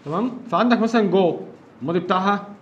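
A man's voice: high voice, rapid-fire, dull audio. A man with an Egyptian Arabic accent teaching an English grammar lesson, explaining step by step and often checking that his listeners follow.

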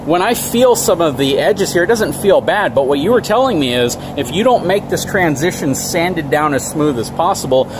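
A man's voice: fairly high pitch, lively intonation, moderate pace, hardly any pauses. A man hosting a vlog, upbeat and explaining a trailer project to viewers in a large RV service shop. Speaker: channel host. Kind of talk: casual vlog walkthrough. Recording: noisy shop background.

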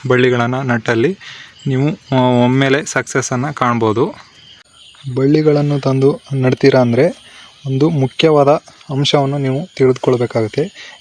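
A man from Karnataka hosting a farming channel, talking loosely through plantation tips with fillers and restarts, outdoors on a plantation. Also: mid-range voice. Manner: unscripted, many fillers and restarts. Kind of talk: casual farming how-to talk.

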